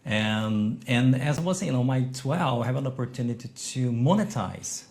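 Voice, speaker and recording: A middle-aged man from Brazil, a podcast guest talking about his entrepreneurial past in halting, with frequent restarts. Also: mid-range voice. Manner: non-native English, halting restarts, lively emphasis. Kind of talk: conversational interview.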